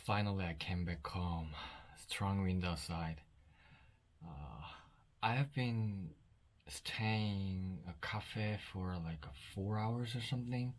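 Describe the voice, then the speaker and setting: A man with a Korean accent chatting casually to his vlog in halting, simple second-language English, on a noisy handheld recording. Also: low voice. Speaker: vlogger.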